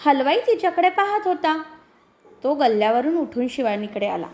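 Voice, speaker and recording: A woman's voice: high-pitched, big pitch swings, normal speed, a little mellow. A woman primary school teacher reading a textbook story aloud to her class. She asks questions, repeats the answers and gives step-by-step page instructions.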